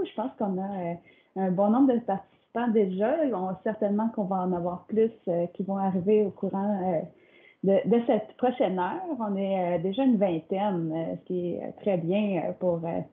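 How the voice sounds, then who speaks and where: A young woman moderates an online talk, with many filler sounds between her phrases. Her voice comes through thin and phone-like, as over a weak video call line. She speaks at a middle pitch. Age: young adult. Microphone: computer mic on a video call.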